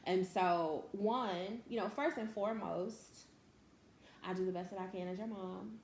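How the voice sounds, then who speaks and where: A woman's voice: medium pitch, measured pace, darkish tone. A woman host and mother talking in a heartfelt, emotional way, often laughing. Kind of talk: emotional casual talk. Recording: echoey room, faint noise.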